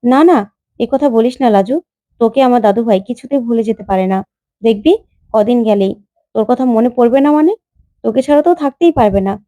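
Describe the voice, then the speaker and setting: A woman's voice: a little high, fast talker, pauses often, dark tone, no room sound, lightly acted. A woman voicing a tender, reassuring old grandmother in a retold TV drama, speaking in a soothing, affectionate way.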